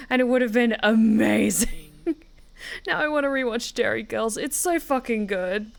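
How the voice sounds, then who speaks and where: An Australian woman streams a game from her home in the UK, rambling casually through let's-play commentary full of fillers and swearing. Her voice is gravelly, a little high and a little slow.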